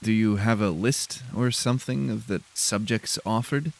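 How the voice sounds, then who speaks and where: A weary veteran of the war , as a man puts him on, answers in clipped, guarded phrases. His voice sits low, and he holds back his irritation. Few words, little warmth. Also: moderate pace, vocal fry.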